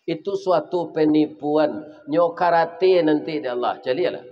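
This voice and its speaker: A male preacher with a Minangkabau accent delivers a humorous sermon, telling a story in a lively way and often turning to the congregation with questions. His voice sits a little high, and the lo-fi recording sounds slightly dull. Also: a little slow.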